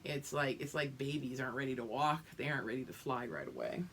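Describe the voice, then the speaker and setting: Her pitch is extremely low, with vocal fry and some background noise. The woman, a teacher, reads a picture book to young pupils, drawing the story out with feeling and offering explanations and check-ins along the way.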